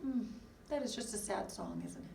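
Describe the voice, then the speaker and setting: A woman music teacher giving an online lesson to first graders, animated and sing-song as she chats with them and brings out puppets. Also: medium pitch, fast, vocal fry, roomy sound, recorded from a distance.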